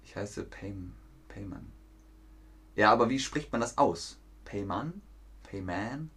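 A man teaching German on a live stream, telling a simple story clearly for learners, asking viewers questions and reading out the chat. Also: fairly low pitch, a little slow, a bit bright.

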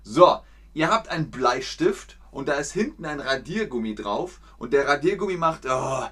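A man's voice: medium pitch, expressive, fairly bright tone, husky. A man teaching German expressions in a casual live lesson, playfully acting out exclamations. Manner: slow, playful, acts out exclamations.

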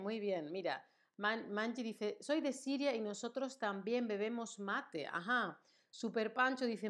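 A woman from Spain with a Spain Spanish accent, teaching Spanish on a live stream in a chatty way, reading chat messages aloud and often checking in with the viewers. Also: medium pitch. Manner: chatty, reads chat aloud, tag questions. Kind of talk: live-streamed language lesson.

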